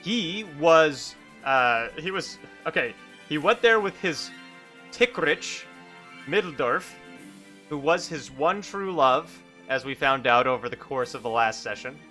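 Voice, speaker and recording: A hungover man improvising casual narration as a solo game master, halting and correcting himself as he goes. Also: on the high side, bright, forceful tone, faint music behind.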